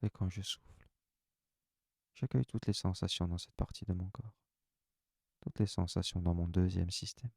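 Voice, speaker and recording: A man with a low, deep voice leads a guided relaxation session. He speaks in calm, soft, unhurried phrases, close and dry with no room sound. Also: gravelly, no echo. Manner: calm, soft, unhurried first-person instructions.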